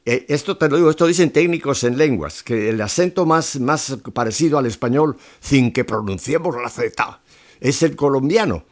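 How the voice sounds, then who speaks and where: A middle-aged male radio host from Mexico, talking in a relaxed and confiding way. His voice sits at an ordinary pitch, and he fills his chat with small pauses and fillers.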